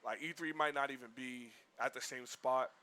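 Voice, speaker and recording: Bright-voiced man, rambling. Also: mid-range voice, normal speed, a little hiss or hum. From Boston, US. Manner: rambling, animated, heavy with "like". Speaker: livestream co-host. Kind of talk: casual chat.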